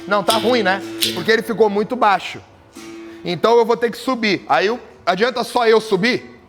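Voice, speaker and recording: A capoeira teacher runs a workshop for a group class with berimbaus, joking and quizzing the students as he explains tuning. His voice is high and a bit bright, and he speaks at a normal speed. Faint music plays in the background.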